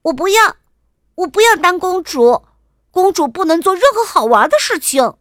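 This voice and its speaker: A woman voicing a stubborn, excited little princess, shrill and loud in a children's storybook. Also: unhurried, dry recording, studio quality. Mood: defiant. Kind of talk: storybook character voice.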